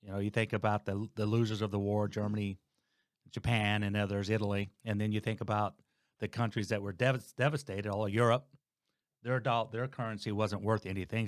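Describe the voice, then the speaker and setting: Late-50s male podcast guest, low-pitched, meandering and dry-sounding. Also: fairly even intonation, fairly quick, dry recording. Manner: rambling, restarts, thinking aloud. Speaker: guest, host's father. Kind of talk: casual podcast chat.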